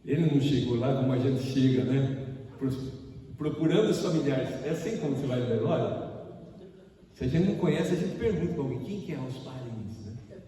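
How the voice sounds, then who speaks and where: A man with a Brazilian Portuguese accent preaching a sermon as pastor, animated and acting out the people in his story. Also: mid-range voice, a little fast, slight background noise. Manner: animated, acts out voices and exclamations. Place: church hall during a service. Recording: echoey hall, mic far off.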